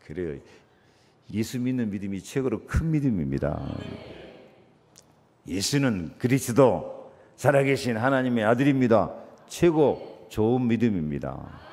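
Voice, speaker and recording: A man's voice: big pitch swings, a little slow, big-room sound. A male pastor preaching a sermon, repeating key words for emphasis and calling on the congregation to answer and greet each other. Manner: preaching with big swings in pitch and loudness, repeating key words; asks the congregation to answer and greet one another. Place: church sanctuary.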